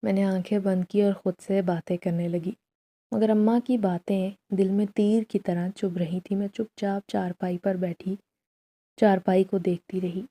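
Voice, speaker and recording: Dark-toned woman narrating horror. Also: medium pitch, little pitch movement. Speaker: storyteller.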